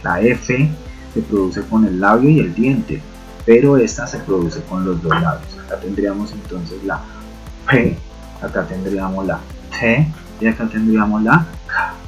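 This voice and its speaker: A man gives an online lesson in a low voice, patient and explanatory, sounding out each example slowly. The audio is dull and lo-fi, with faint music underneath. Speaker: teacher. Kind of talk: online lecture on Greek roots.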